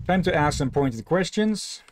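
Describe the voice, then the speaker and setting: A man streaming a video game with casual, low-key commentary, thinking aloud as he plays. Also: animated, unhurried, a little hiss or hum. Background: game music and sound effects.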